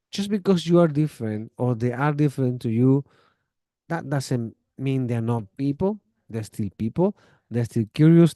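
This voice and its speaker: A man talks in a relaxed, chatty way, like a teacher giving friendly advice. His voice is mellow and warm, recorded close and dry, with no room sound. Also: on the high side, no room sound. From Chile. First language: Spanish. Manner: chatty, relaxed, gives friendly advice with acted-out example dialogues. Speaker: English teacher. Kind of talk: casual spoken lesson.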